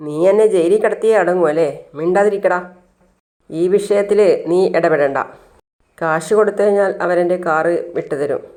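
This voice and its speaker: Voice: medium pitch, normal speed, a little mellow, lightly acted. A storyteller voicing a stern middle-aged father who gives firm orders to his family, close to the narrating voice. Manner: firm, commanding.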